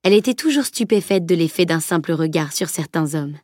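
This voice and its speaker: A woman narrating a novel as an audiobook in an even, steady reading. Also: on the low side, brisk, no room sound, studio quality. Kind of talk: scripted narration.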